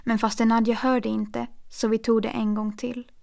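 A woman reads a first-person story aloud in a calm, measured voice. Her fairly high voice stays flat in melody and carries a gravelly fry. The delivery is steady, with dry little asides. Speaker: audiobook narrator.

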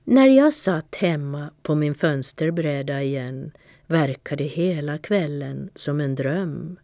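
A woman narrating a children's storybook in a gentle, soft-spoken way. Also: low-pitched, animated, no echo, clean studio sound.

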